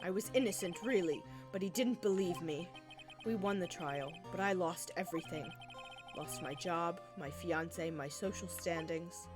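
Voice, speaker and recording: A woman voicing a bitter, resigned old man on a witness stand in a video game, speaking gravely and plainly over loud music. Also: fairly low pitch, moderate pace, lightly acted.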